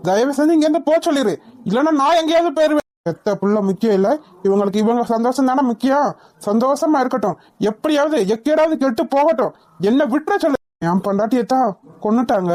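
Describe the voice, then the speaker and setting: A woman plays a grieving young cartoon man, bitter and resentful toward his family. The voice is fairly high for a man, with a mellow, dark tone. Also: fairly quick, lightly acted. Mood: bitter, angry. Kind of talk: cartoon voice acting.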